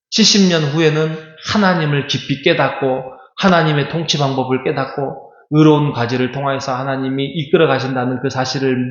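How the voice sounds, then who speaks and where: A middle-aged man preaching a sermon as pastor, talking conversationally and asking the congregation rhetorical questions. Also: medium pitch. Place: church sanctuary. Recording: echoey church hall, dull lo-fi sound.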